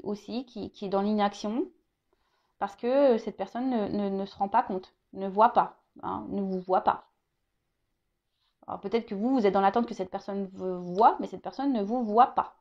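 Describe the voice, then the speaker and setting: A woman's voice: mid-range voice, moderate pace, muffled recording. A woman giving a tarot reading, talking straight to the viewer, hesitant, with many repeated words and fillers, now and then joking. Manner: chatty, addresses viewer directly, jokes. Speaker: tarot reader.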